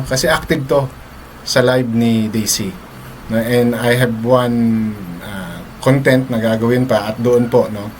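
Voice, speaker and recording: A man runs a live stream, speaking casually to viewers in Tagalog laced with English phrases. He laughs often and keeps ending lines with "no?", his medium-pitched voice carrying a faint hiss or hum.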